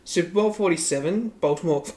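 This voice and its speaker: A man's voice: high-pitched, fairly quick, mellow. Rambling Australian man, casual sports chat. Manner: rambling, laughs often, heavy use of "like". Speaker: podcast co-host.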